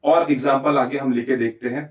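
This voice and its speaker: Brisk and fairly even in intonation, this medium-pitched male teacher walks through a Hindi grammar lesson in a Chhattisgarh accent, answering his own questions as he goes. "ठीक है?" and "है ना?" come up often as understanding checks, and the recording is far off in an echoey room.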